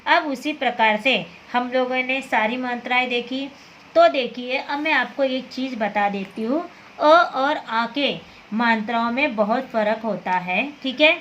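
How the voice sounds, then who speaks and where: Woman teacher, slow and patient, somewhat high voice, dull lo-fi audio. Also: a bit bright, slight background noise. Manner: patient, repeats words and checks with "theek hai". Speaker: Hindi teacher. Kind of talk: slow classroom explanation.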